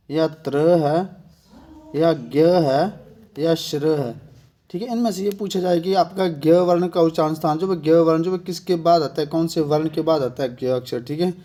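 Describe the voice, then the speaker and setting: Male teacher, Himachali accent, fairly high voice, exam-prep lesson, rhetorical questions, frequent "thik hai". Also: normal speed, warm tone. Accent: Himachali Hindi.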